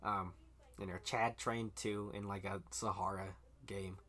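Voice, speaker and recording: A podcast co-host with a lowish, level, sharp-toned voice talks a little slowly as he casually recaps a manga arc. He swears freely, laughs a lot, and acts out the characters' lines.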